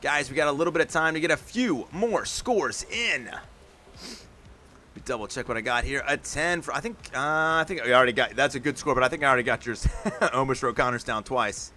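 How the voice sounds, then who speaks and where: A man hosting a live stream, calling play-by-play commentary with energetic hype and talking straight to his chat. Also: mid-range voice, fairly quick, a little hiss or hum. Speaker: stream host and announcer.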